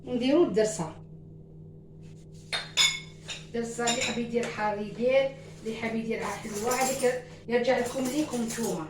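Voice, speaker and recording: A woman's voice: fairly high pitch, quick pace, background noise. A woman with an Algerian Arabic accent gives a chatty home cooking demonstration, talking straight to her viewers and mixing in French words. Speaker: cooking show host.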